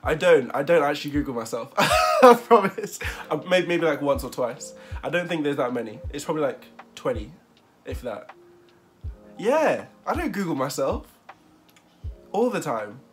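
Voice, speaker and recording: A man's voice: fairly high pitch, wildly swooping pitch, normal speed, soft background music. A man of twenty-one chatting casually in a vlog interview, rambling with fillers and frequent laughs. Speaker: vlogger.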